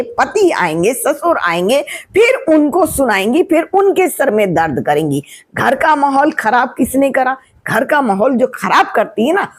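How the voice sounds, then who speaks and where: A retired teacher in her sixties, with a high, husky voice, patiently explains family advice, posing questions and then answering them herself.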